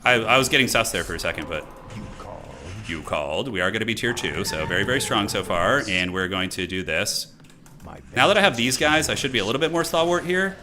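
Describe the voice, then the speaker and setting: A man's voice: fairly low pitch, animated, a little fast, pushed and bright, a little hiss or hum. A man giving casual, slangy live commentary on his own game, talking through his moves with some mild swearing. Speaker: gaming streamer commentating own match.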